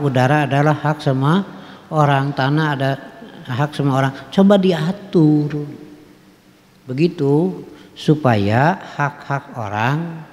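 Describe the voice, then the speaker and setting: A man's voice: medium pitch, darkish tone. A man with a Sundanese accent giving a folksy mosque sermon, putting questions to his listeners. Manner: folksy, mixes in regional phrases, asks the audience questions, chuckles. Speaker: preacher. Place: mosque hall. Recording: long hall reverb.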